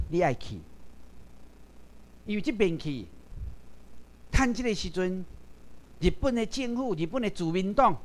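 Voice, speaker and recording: High, lively-voiced man lecturing emphatically. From Taiwan. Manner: emphatic, animated, keeps addressing the audience directly with rhetorical questions. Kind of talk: lecture to a seated class.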